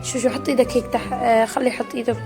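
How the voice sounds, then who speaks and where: Young woman hosting a family vlog, rapid-fire and doting, over background music. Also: fairly high pitch, steady tone.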